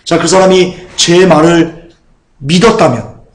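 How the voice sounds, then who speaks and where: A man pastor delivers a sermon in a church sanctuary. His voice sits a little high, and the room adds a roomy echo. He talks in a conversational way, circling back to repeat his point and asking the listeners questions. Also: measured pace. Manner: conversational, repeats phrases, asks the congregation questions.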